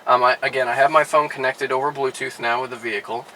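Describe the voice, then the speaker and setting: Bright-voiced man demonstrating casually. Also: medium pitch, fast talker, a little hiss or hum, poor audio. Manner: relaxed, with frequent "all right" and "uh" fillers. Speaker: car dealership product specialist. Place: inside a car.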